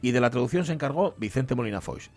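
A man's voice: medium pitch, animated, quick pace, vocal fry, faint music behind. A man hosting a radio show, chatting casually, joking and reading out listener messages. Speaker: radio host.

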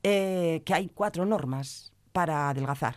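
A woman's voice: sits low, a little slow. A woman, a language teacher guest on a radio chat, explaining things and laughing often.

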